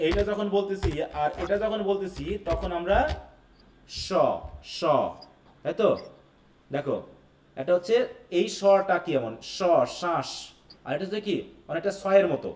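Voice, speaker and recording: Male teacher, lecturing a live class and checking in often; slightly high voice, set back from the mic. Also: animated, moderate pace, long pauses, a little mellow, distant mic, slight background noise. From Bangladesh. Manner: keeps checking with students, mixes English terms. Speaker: English teacher. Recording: echoey room, away from the mic.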